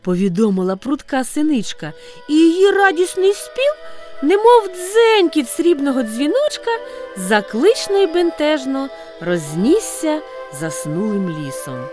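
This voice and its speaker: Woman narrating a storybook, high lively voice, mellow tone, dry recording, faint music. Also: unhurried. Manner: expressive, sweeping pitch. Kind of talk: storybook reading.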